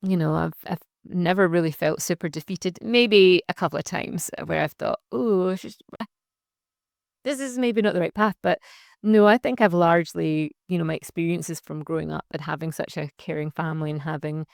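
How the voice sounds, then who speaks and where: Reflective woman, lowish voice. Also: steady tone, normal speed, gravelly, no room sound, clean studio sound. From Scotland. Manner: reflective, chatty, with frequent fillers and restarts. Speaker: guest, social enterprise founder. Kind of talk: casual interview conversation.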